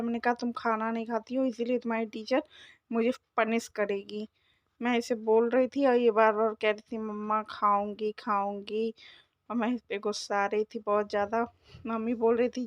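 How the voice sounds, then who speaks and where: Woman, thirties, family vlogger, chatty running narration, high-ish, level delivery. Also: no room sound. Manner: chatty, narrating daily life to viewers. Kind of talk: casual vlog narration.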